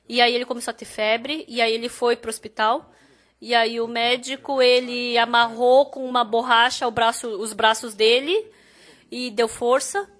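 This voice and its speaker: A woman interpreting a sermon in the first person, telling a story and growing emphatic and animated at its high points. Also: moderate pace.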